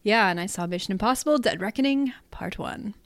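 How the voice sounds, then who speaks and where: A woman's voice: medium pitch, lively intonation, brisk, no echo. A woman co-hosting a film podcast, talking in a chatty, thoughtful way and laughing easily. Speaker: podcast co-host. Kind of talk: casual chat.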